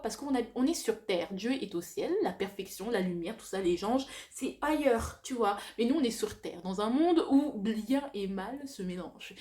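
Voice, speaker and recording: A young woman vlogger with a lisp and slushy s sounds, chatting casually and confessionally to viewers, halting and correcting herself, dropping in slang and bits of English. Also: mid-range voice, darkish tone.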